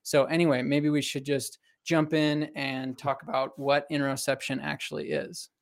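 A man co-hosting a science talk, explaining casually in a halting, loosely phrased way. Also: on the high side, flat delivery, gravelly. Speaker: co-host.

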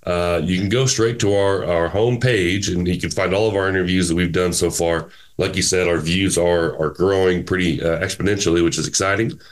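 A man co-hosting a sports podcast, chatting casually in a measured, matter-of-fact way. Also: deep voice, steady tone. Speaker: podcast co-host.

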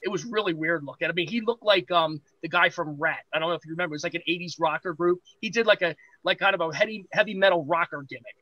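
A man guesting on a podcast, a pro wrestler telling a lively backstage anecdote and acting out what others said. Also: a little high, quick pace, few pauses, no room sound, poor audio. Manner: lively anecdote-teller, acts out quoted voices. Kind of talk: animated storytelling.

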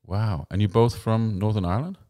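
A man's voice: on the low side, a little fast, dark tone, dry recording, clean studio sound. A man hosting a design podcast, chatting with a guest in a rambling, self-interrupting way. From England. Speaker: podcast host.

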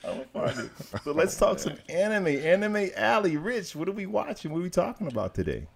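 A man in his forties hosting a casual podcast chat, excitable and joking. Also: high voice, fairly quick, vocal fry. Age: 40s. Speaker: podcast host.

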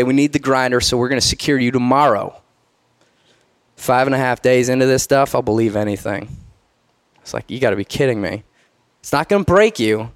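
A man's voice: medium pitch, no room sound. An earnest man, a former Navy SEAL, gives a motivational talk and tells his story with strong emphasis. He acts out what others said to him. His voice is recorded close and dry, with almost no room sound. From United States.

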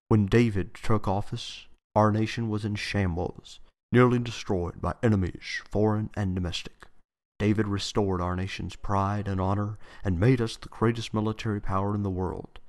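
A man's voice: fairly low pitch, natural voice. A man doing a grand political ad announcer. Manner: slow, dramatic, patriotic delivery.

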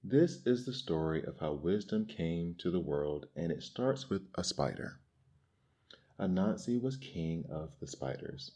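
A man calmly reading folk tales aloud as storybook narration. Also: sits low, measured pace.

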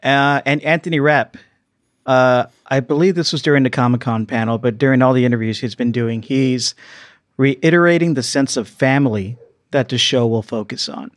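A man's voice: mid-range voice, moderate pace, no echo, clean studio sound. A man hosting a podcast in casual chat, joking and steering the topics. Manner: joking, leads the segments. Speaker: podcast host. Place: studio, live stream.

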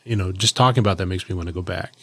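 Middle-aged ex-cop guy telling a story, lowish voice, steady and reflective, dead dry mic. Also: rapid-fire, husky, no echo. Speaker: former police officer. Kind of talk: podcast commentary.

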